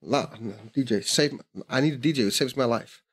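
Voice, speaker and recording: A man's voice: mid-range voice, normal speed, heavy background noise, natural voice. A man voicing a smitten young man's inner monologue in a put-on American accent, gushing and over the top.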